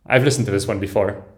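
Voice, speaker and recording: Man giving excited live music commentary. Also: on the low side. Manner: enthusiastic, frequent soft "ooh"s and chuckles; breaks off and restarts sentences while listening. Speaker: music reaction host.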